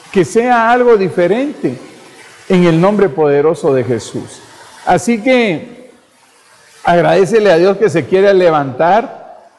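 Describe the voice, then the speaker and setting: A man's voice: a little high, a little mellow. A man preaching a fervent sermon, repeating phrases and calling the listeners brother. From Guatemala. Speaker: pastor. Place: church. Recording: church hall reverb.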